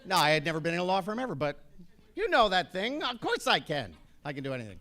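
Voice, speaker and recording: Fifties guy on a panel, brash and jokey, kinda high voice, tells stories big. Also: fast talker, creaky. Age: 50s. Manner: brash, animated storyteller with comic asides. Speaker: actor on a panel. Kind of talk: panel talk to an audience.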